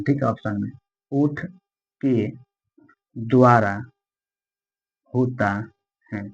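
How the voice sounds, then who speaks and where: A male teacher walks students through a grammar lesson. He repeats each term slowly and quizzes the class as he goes, at a middling pitch. The recording sounds dull and lo-fi. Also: darkish tone, husky. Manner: repetitive, drills terms slowly.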